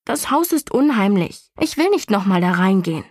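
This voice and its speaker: A woman's voice: mid-range voice, big pitch swings, normal speed, no room sound, clean studio sound. A woman voicing a scared young boy who nervously pleads and tells of something lurking. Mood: frightened. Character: frightened young boy, anxious twin brother.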